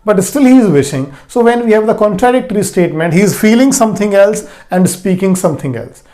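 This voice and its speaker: Man, high voice, grammar teacher, emphatic repetition. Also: animated, dark tone. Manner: slow emphatic explanations, repeating key words. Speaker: English teacher. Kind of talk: classroom grammar lesson.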